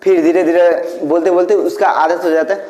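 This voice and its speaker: A man from India gives a casual English lesson with a high voice. He explains patiently with everyday examples and keeps checking in with his listeners. The voice rings around an echoey room with a long tail of reverb. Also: fairly even intonation, normal speed, a little mellow. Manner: explains with homely examples and repeated "theek hai". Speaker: English teacher.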